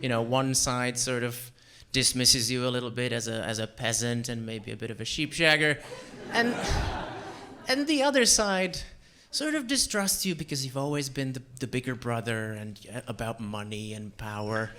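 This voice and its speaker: Bright-voiced stand-up comic from Central Europe. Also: male voice, medium pitch, normal speed. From Czech Republic and Slovakia. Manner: deadpan, self-deprecating, with fillers. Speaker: stand-up comedian. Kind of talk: stand-up comedy set. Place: comedy club stage.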